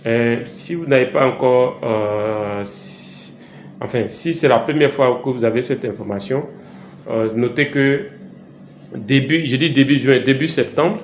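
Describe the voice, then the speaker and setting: A man from Côte d'Ivoire, with an Ivorian French accent, teaches an informal language lesson for his travel vlog, going slowly, repeating words for learners, and hesitating often. His voice is medium-pitched, recorded in an echoey room with faint background hiss.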